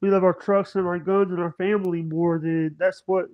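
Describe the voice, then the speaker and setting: A man in his thirties chatting on a livestream video call, talking in halting bursts with many stammers and restarts. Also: sits high, flat delivery. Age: 30s. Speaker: livestream guest. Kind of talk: casual chat. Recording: dull lo-fi stream audio.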